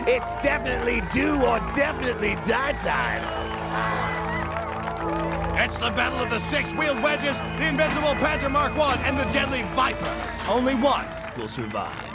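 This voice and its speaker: A man announcing a competition with bombastic, theatrical reality-show hype, building up the drama with excitement. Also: extremely high pitch, moderate pace. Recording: loud music behind the voice.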